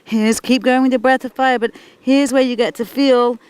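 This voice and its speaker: A woman's voice: on the high side, steady tone, normal speed, a little mellow, smooth, dry recording. A woman leading a guided kundalini yoga class as the instructor, encouraging and informal, with chatty asides between directions.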